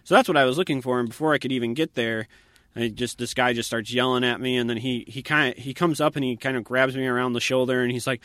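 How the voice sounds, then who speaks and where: A man chats through a personal story in an easy, unhurried way. His voice is bright and forward, sitting in the middle of the range. The sound is dry and close, with no room around it. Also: mid-range voice, fairly even intonation, no room sound. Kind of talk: casual conversation, storytelling.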